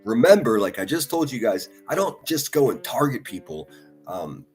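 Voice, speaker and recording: A man's voice: medium pitch, sing-song, normal speed, darkish tone, husky, faint music behind. A man on a casual live stream reading viewer comments, blunt and profane, talking passionately and often restarting his sentences. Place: at a desk in front of a laptop.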